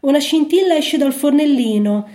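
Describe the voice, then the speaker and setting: A woman with a high voice reads a story aloud, gentle and unhurried. Her tone is mellow and soft rather than bright. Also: lively intonation. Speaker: narrator. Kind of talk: storybook reading.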